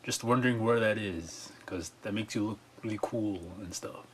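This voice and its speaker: A man's voice: lowish voice, moderate pace, fairly bright tone, a little hiss or hum. A man from Canada leaving a casual, rambling voicemail for a show, played back on air. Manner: casual, rambling question with fillers. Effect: played back voicemail message. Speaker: caller.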